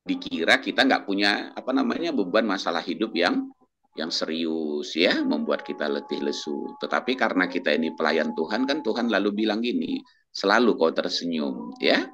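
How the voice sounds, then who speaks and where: Lively low-voiced man sharing faith testimony. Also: moderate pace, highs cut off, background noise. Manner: animated storytelling, quoting others, frequent chuckles. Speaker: doctor and church minister sharing testimony. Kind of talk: casual faith testimony in a talk show.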